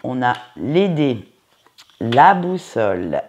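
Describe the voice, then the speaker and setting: A tarot card reader with a noticeable accent gives a casual weekly forecast from home by a window, in an unhurried, sing-song manner. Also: medium pitch, big pitch swings, a little mellow, dull audio, slight background noise. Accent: non-standard French accent, kind not stated. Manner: unhurried, sing-song, frequent "hein" tags. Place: home, by a window facing a tree.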